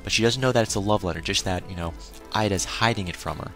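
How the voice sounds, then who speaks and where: Male anime reviewer with a slightly low voice for a casual recap, exclaims his opinions. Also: fast, soft background music.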